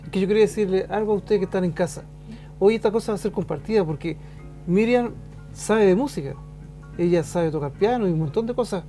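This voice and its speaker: A middle-aged man with a Chilean accent, a teacher chatting on a talk show, thoughtful and pausing often. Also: high-pitched, warm tone, soft background music. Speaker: show host and school teacher. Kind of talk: casual conversation on a talk show.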